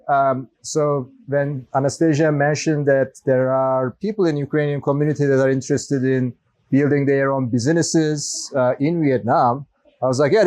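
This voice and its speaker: A man's voice: medium pitch, a little mellow. A man originally from Turkey giving a casual, conversational talk to a small group as guest speaker, with plenty of fillers and restarts.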